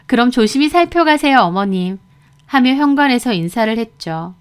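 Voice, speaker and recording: A woman's voice: mid-range voice, clean tone. A woman narrating a first-person radio story in a confiding, plainspoken way.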